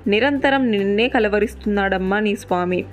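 A woman's voice: medium pitch, moderate pace, soft background music, lightly acted. A woman narrator voicing a mighty, devoted male monkey hero, speaking in an earnest, reassuring way.

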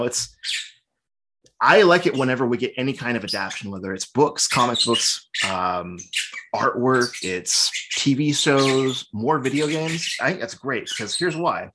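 A man co-hosting a podcast, chatting casually as an eager, rambling fan. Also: mid-range voice. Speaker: podcast co-host. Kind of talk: casual chat. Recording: loud background noise with clicks.

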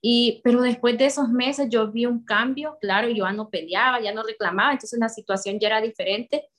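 A woman's voice: on the high side, brisk, a bit bright. A young woman with a Honduran accent gives a heartfelt personal faith testimony, speaking directly to her listeners.

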